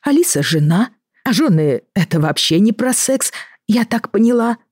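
A woman's voice: lively intonation, normal speed, darkish tone, breathy edge, no echo, studio quality. A woman in her forties reading the part of a hurt woman past forty who speaks in an agitated, pleading voice. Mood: bitter. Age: 40s. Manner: agitated, pleading, rising pitch.

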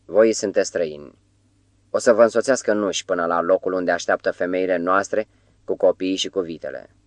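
A man's voice: sits low, no room sound. A man reading a stern mountain chieftain. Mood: commanding. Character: stern male mountain band leader, commanding.

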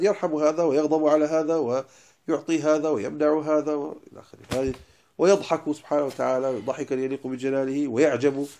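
A man teaching as a religious lecturer, explaining lines of a poem and stressing key words before dropping into quiet asides. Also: mid-range voice. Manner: emphatic, stresses single words then drops to quiet asides.

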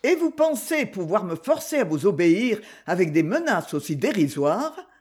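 A man's voice: sits high, very animated, normal speed, husky, full character voice. A man doing a cold, scornful lady detective. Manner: cool and contemptuous.

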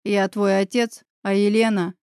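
A woman voicing an anxious older man, a guilt-ridden father who pleads urgently in a hoarse voice, in a read-aloud audiobook. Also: mid-range voice, flat delivery, a little slow, darkish tone, no room sound, studio quality, close to an everyday voice. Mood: pleading.

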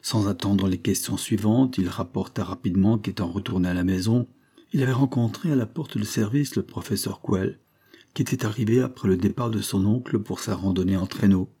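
A man narrates a story in a steady, literary reading style. His voice is low, dark and husky. The delivery is that of an audiobook reading. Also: brisk.

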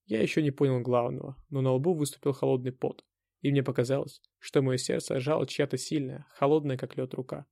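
A man reading a dramatic first-person audiobook in a tense, measured way. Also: mid-range voice, steady tone, gravelly, mellow, dry recording, clean studio sound. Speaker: audiobook narrator.

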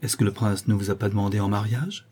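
A man's voice: fairly low pitch, fast, a little mellow, slightly rough. A man voicing a proud, formal aristocratic countess in a read-aloud novel. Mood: cool.

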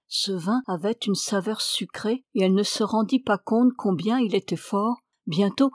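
A woman's voice: mid-range voice, no room sound, clean studio sound. Woman reading a novel aloud. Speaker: audiobook reader. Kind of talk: scripted narration of a novel.

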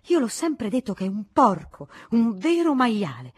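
A woman reading aloud voices an outraged old spinster noblewoman who shouts insults, her voice pitched well above her own. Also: very animated, unhurried, slightly rough, full character voice. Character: shrill furious old spinster aristocrat woman.

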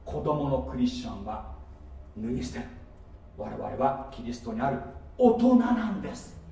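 A man's voice: mid-range voice, big pitch swings, moderate pace, vocal fry, warm tone. A man pastor preaching an emphatic sermon in a church hall, asking the congregation questions as he goes. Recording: echoey hall, mic set far off.

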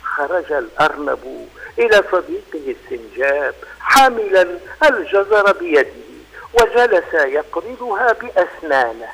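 A man on children's radio, narrating a story in an expressive, animated way. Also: on the high side, unhurried, a little hiss or hum, poor audio.

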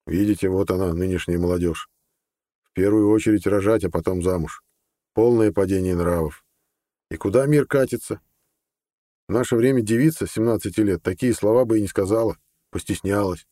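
A man's voice: on the low side, brisk, dark tone, no echo, clean studio sound, lightly acted. A man voicing a grumpy, sarcastic older healer in an audiobook, scolding and grumbling.

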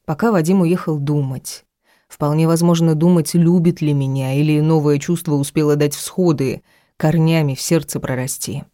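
A woman reading a first-person audiobook in a measured, intimate storytelling manner. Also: sits low, fairly even intonation, warm tone, dry recording, studio quality. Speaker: audiobook reader.

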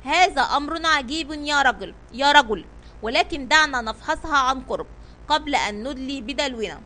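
A woman's voice: sits high, animated, fairly quick, bright, forceful tone, slight background noise. Storybook sea captain, male, commanding and tense, voiced by a woman. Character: brave male sea captain, calm leader.

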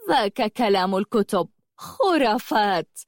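A woman's voice: mid-range voice, expressive, measured pace, no echo, studio quality, close to an everyday voice. A woman doing a scornful storybook witch. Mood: haughty. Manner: scornful, teasing. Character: mocking, vain female witch, cruel and playful.

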